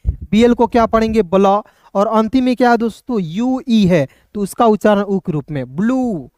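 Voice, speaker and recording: A man's voice: high-pitched, a little mellow, no room sound, clean studio sound. A man teaching English pronunciation online, asking questions and answering them himself and calling viewers brother and friends. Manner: repetitive, asks and answers his own questions, addresses viewers as brother and friends. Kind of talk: online spoken-English lesson.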